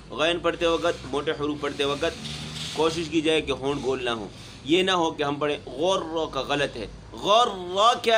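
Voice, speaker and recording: A man with a high, ringing voice gives a recitation lesson. He draws out verses in a slow, melodic chant, then drops lower and speeds up to explain how each letter should sound. Faint background noise sits behind him. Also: a bit bright. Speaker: Quran recitation teacher.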